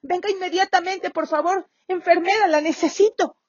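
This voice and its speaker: A woman's voice: very high voice, steady tone, moderate pace, no echo, lo-fi sound, pitched above the performer's own voice. A woman voicing an upset bedridden male hospital patient, pleading urgently.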